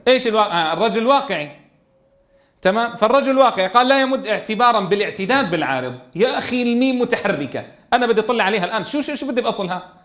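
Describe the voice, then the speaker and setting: A man's voice: very high-pitched, animated, rapid-fire, fairly bright tone. A man teaching a tajweed lesson in a classroom, keeps asking his students questions and answering them himself. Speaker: Quran recitation teacher.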